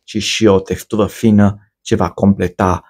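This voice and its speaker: A man giving a measured, ornate, scripted voice-over for a cooking video. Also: lowish voice, level tone, darkish tone. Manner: measured, ornate storytelling delivery. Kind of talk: scripted poetic voice-over narration.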